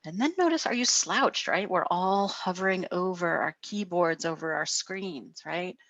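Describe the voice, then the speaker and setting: A middle-aged woman counselor giving a gentle guided wellness talk over a video call, often asking "right?". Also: lowish voice, a little slow, no room sound, highs cut off. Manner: gentle, frequent "right?" tags.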